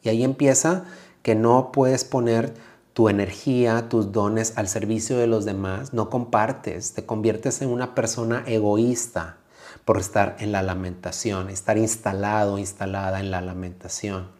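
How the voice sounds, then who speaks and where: A man with a Mexican Spanish accent, a yoga teacher hosting a motivational podcast, speaking calmly and reflectively straight to the listener. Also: fairly low pitch, a little slow.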